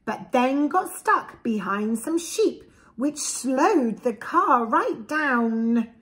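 This preschool storyteller is a woman in her forties with an English accent and a high-sitting voice. She reads a rhyming picture book to young children expressively and deliberately, dropping in simple asides. The setting is a small room with bookshelves, and the camera stands a short way off.

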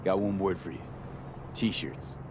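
A man's voice: deep voice, steady tone, slow pace. A man playing a tough, tech-savvy streetwise mercenary in a video game, terse, dry and casual. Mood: dry, confident. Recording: faint vehicle noise behind voice.

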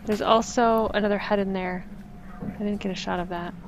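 A woman narrates her own travel footage in a relaxed, joking way, poking fun at herself as she goes. Her pitch stays fairly flat and even. A clear layer of background noise runs under the voice. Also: normal speed. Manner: chatty, self-mocking. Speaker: vlogger. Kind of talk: casual voice-over narration.

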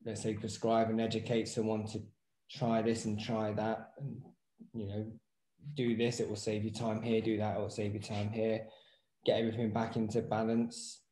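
Speaking at a normal speed, a thirties-aged man describes being a personal trainer as a relaxed, thoughtful guest on a video call. His fairly low, dark voice stays monotone, and the small home room adds a roomy echo to the audio.

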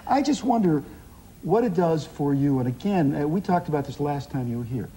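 A middle-aged American man hosting a TV talk show, chatting in a lively way. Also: fairly high pitch, fairly quick, slight background noise, rough recording. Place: TV studio with audience.

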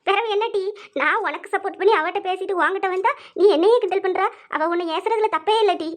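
A woman doing a shrill, nosy old village neighbor. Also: fast talker. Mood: scolding. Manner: scolding, gossipy, high-pitched. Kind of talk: cartoon voice acting.

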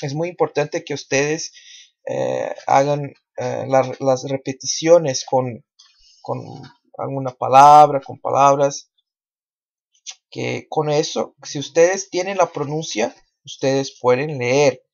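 Slow, gravelly Brazilian-born teacher. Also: male voice, medium pitch, muffled recording. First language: Portuguese. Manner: slow, repeats syllables for the listener to echo. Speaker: language teacher. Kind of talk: online pronunciation lesson.

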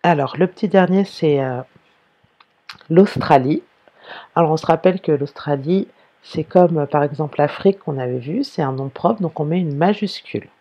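A woman teacher giving a slow dictation lesson, spelling words out syllable by syllable. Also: low-pitched, dark tone, muffled recording.

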